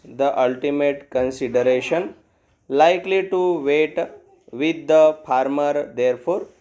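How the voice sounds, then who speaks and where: An Indian-accented man dictates a practice passage at a very slow pace. His voice is soft-edged and mellow, pitched a little high. He breaks the text into short, measured phrases, as a dictation teacher does.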